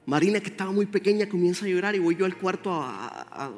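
A man's voice: high voice, lively intonation, fast. A man preaching a sermon, speaking directly and with animation to his congregation. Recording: roomy hall with faint music.

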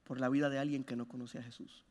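A man preaching a sermon, passionate, rising to loud urging and then dropping to hushed, low phrases. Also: level tone, fast. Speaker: pastor. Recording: long hall reverb.

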